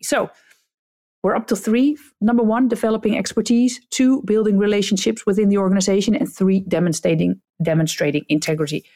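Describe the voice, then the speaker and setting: A Dutch woman from the Netherlands, a native Dutch speaker with a Dutch accent, speaks in a mellow, medium-pitched voice. She is a customer experience coach hosting a solo podcast, where she gives leaders direct, blunt advice.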